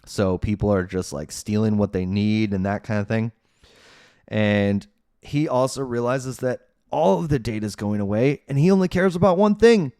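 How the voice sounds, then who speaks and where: Man, podcast host, sarcastic chatty recap, lowish voice, dry close mic. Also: a little mellow, smooth, no echo. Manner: sarcastic, chatty, many fillers. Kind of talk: casual movie recap.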